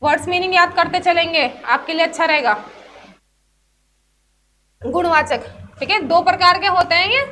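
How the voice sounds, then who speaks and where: High, bright-voiced woman teaching. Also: moderate pace, pauses often. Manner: chatty teacher who asks herself questions and answers them. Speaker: English grammar teacher. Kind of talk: explanatory class lesson mixing Hindi and English.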